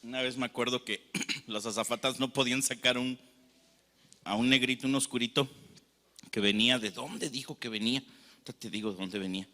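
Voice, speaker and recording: A man's voice: mid-range voice, fairly even intonation, brisk, long pauses, bright, forceful tone, big-room sound. A man with a Mexican accent preaching a sermon as pastor, telling stories and acting out the people in them. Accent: Mexican Spanish. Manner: storytelling preacher acting out anecdotes.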